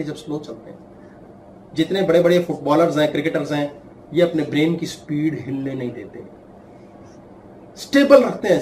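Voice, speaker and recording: A man teaching a class in a lively way, stretching out words and acting out little voices. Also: a little high, reverberant, recorded from a distance, slight background noise, poor audio. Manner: animated, acts out voices and drawn-out words. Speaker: spiritual teacher. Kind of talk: talk to a class. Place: class room.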